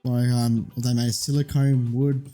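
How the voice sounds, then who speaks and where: A man's voice: mid-range voice, level tone, normal speed, mellow, faint music behind. A man co-hosting a podcast in casual chat, laid-back and hesitant, agreeing often. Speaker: podcast co-host.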